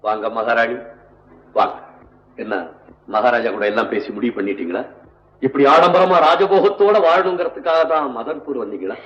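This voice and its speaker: An actor playing a proud, indignant musician, quick to anger in old film dialogue. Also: male voice, mid-range voice, lively intonation, fairly bright tone, muffled recording, a little hiss or hum, close to an everyday voice. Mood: bitter. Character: proud, hot-tempered male musician. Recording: echoey old film soundtrack.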